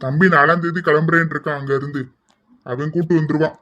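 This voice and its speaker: A man's voice: fairly high pitch, steady tone, quick pace, pushed and bright. A man voicing a firm middle-aged father who gives instructions about his daughter's wedding. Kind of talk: amateur family drama. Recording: dull lo-fi recording.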